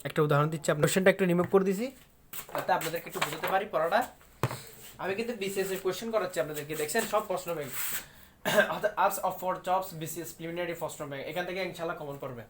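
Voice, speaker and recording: A man with a somewhat high voice teaches an exam-prep lesson online. He talks emphatically, repeats his points and keeps asking viewers if they understand. Faint noise sits under the recording. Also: fast talker. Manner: emphatic, repetitive, coaxing questions to viewers.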